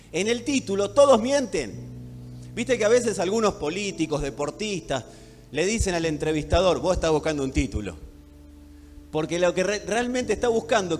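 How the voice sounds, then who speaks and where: A male pastor with a Rioplatense accent preaches in a lively voice that climbs and falls. He speaks emphatically to his congregation, from hushed asides to forceful peaks. His voice sits fairly high and echoes through a long, reverberant hall with soft music underneath. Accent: Rioplatense Spanish. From Buenos Aires, Argentina. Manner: emphatic, swings from hushed to loud, addresses congregation directly. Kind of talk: sermon.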